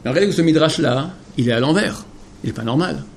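Impassioned high-voiced man teaching Torah. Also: expressive, quick pace, slight background noise. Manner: emphatic, rhetorical questions, swings from hushed to impassioned. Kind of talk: Torah lecture to a male audience.

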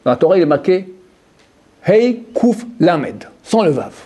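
Male Torah teacher, husky, animated delivery, quizzes the room. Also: high voice, unhurried. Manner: repeats phrases, asks the listeners questions. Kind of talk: Torah lesson to a group of men.

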